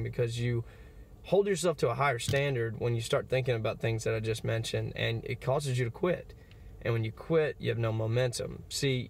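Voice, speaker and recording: A man's voice: medium pitch, creaky, a little hiss or hum. A man in his twenties giving an earnest, encouraging motivational talk to camera, with fillers like "you know". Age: 20s. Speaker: motivational vlogger.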